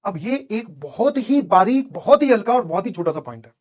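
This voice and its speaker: A man's voice: high voice, sing-song, a little fast, darkish tone. A young male teacher with an Indian accent, telling a motivational story to students in a conversational way, checking in often to see they follow. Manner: conversational, checks understanding with asides; mixes Hindi with English phrases.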